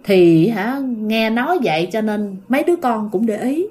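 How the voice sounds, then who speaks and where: A woman's voice: a little high, normal speed. Chatty woman telling ghost stories. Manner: chatty, addresses listeners directly, animated when telling scary parts. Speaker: ghost story storyteller. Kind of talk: casual spoken storytelling.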